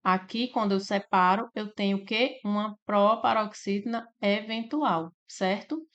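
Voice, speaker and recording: A woman with a Brazilian Portuguese accent teaching a grammar lesson for exam prep. She explains step by step, slowly drawing out syllables and checking in with "né?" and "tá?". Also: mid-range voice, fairly bright tone, dull audio. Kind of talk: slide-based grammar lesson.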